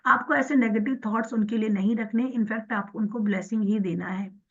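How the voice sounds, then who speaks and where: A woman teaching a forgiveness prayer for money, mixing in English and slowly chanting the affirmations. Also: fairly high pitch, steady tone, breathy edge, lo-fi sound. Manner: slow, soft repeated chanting of affirmations. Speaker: spiritual teacher. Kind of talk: guided prayer instruction.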